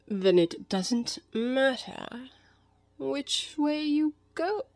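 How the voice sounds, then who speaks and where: Storybook mad cat: unhurried drawl, breathy edges, good-natured and matter-of-fact, close dry sound. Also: female voice, high-pitched, expressive, a little mellow, dry recording, voice pushed up, exaggerated voice. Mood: languid, teasing. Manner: slow, drawn-out, matter-of-fact riddling.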